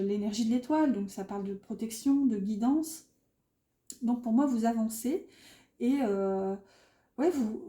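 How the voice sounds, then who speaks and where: Northern french lady doing a card reading, real mellow dark voice, lots of ums, kinda echoey room. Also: fairly high pitch. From northern France. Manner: rambling and hesitant, many fillers. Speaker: tarot card reader. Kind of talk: casual spoken card reading.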